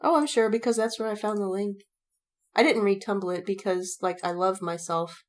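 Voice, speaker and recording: Her mid-range voice moves at a normal speed as she chats casually on a podcast she co-hosts. Telling animated stories, she giggles and mimics people's reactions along the way.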